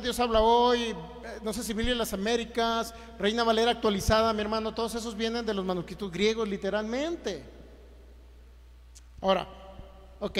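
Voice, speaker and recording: A man's voice: sits high, in a large hall. A man preaching a Bible teaching, emphatic and repetitive, often putting rhetorical questions to his listeners.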